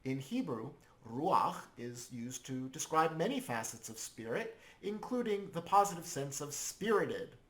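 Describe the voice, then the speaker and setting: A man's voice: on the high side, very animated, normal speed, hardly any pauses. A man teaching a scripted language lesson, explaining each point patiently.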